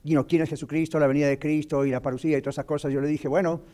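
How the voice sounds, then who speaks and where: Radio host, male, mellow and dark-toned, teaching scripture in an explanatory, preaching manner. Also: fairly high pitch, level tone, very fast. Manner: explanatory, preacherly, mixes English words. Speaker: radio show host, doctor. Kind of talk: radio talk on Bible teaching.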